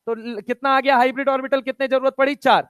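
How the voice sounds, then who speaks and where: In an online chemistry lecture, a man with a very high, fairly bright, smooth voice keeps a level tone while firing rapid questions at his students. He counts atoms aloud and moves between Hindi and English textbook phrases with casual, chummy energy. The recording is dry and close, with no room sound around it.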